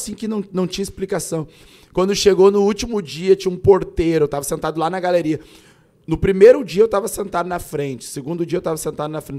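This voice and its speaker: A man who is a pastor tells a personal story on a podcast. His voice sits a bit high for a man, and his delivery is animated and informal, peppered with casual filler words. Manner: animated storyteller, often says "cara".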